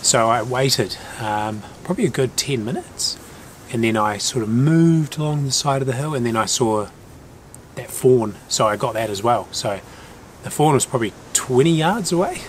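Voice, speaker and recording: Talking to camera in a loose, laid-back way, a hunting vlogger with a broad New Zealand accent chats out among the bush and hilltops. His voice sits at a medium pitch with lively intonation and a moderate pace. Noisy outdoor ambience surrounds the recording.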